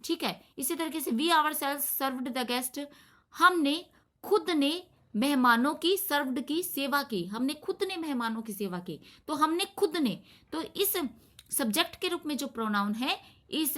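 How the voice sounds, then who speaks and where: A woman teaching an English grammar lesson, reading example sentences slowly and then explaining them step by step. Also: high voice, a bit bright.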